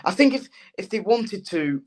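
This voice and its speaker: A man co-hosting a casual horse racing chat, excitable and animated as he gives his opinions. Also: high-pitched, moderate pace. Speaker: co-host and racing tipster.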